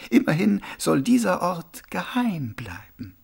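Man doing an old monk sweeper, high gravelly voice, slow and soothing, wry, audiobook character. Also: big pitch swings, full character voice. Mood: calm, amused. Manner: slow, gently amused, soothing.

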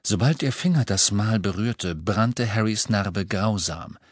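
A man narrating a fantasy audiobook in a measured, dramatic storytelling manner. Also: lowish voice, no room sound, studio quality. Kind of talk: scripted narration.

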